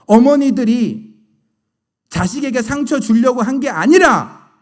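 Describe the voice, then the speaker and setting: Middle-aged male pastor, sermon storyteller, high and very animated delivery. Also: unhurried. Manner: animated storytelling, rhetorical questions to the congregation.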